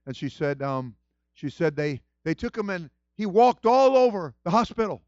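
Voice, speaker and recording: A man preaching a sermon as pastor, moving from quiet storytelling to loud shouted praise. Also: high-pitched, very animated, moderate pace, clean tone, no echo, muffled recording.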